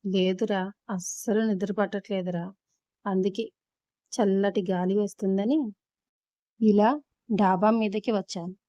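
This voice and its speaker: A woman storyteller voicing a pleading older sister who speaks in a coaxing, hushed way, on a dull lo-fi recording. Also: medium pitch, fairly even intonation, a little slow, pauses often, no room sound, lightly acted.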